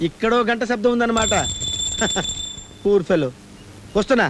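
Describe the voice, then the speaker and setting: A man's voice: sits high, normal speed, background noise, natural voice. An actor playing a panicky man in a film comedy who wails and pleads in a frantic way, over a music-backed film soundtrack. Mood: scheming. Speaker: comic lead in a film scene. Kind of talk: slapstick film comedy dialogue.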